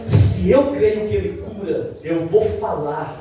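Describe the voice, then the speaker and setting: High-voiced preacher from Ceará, echoey. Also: male voice, warm tone, far from the mic. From Ceará, Brazil. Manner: testimony preaching, acts out dialogue, dramatic slowdowns. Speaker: pastor. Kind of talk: sermon. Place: church. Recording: echoey church hall, mic from afar.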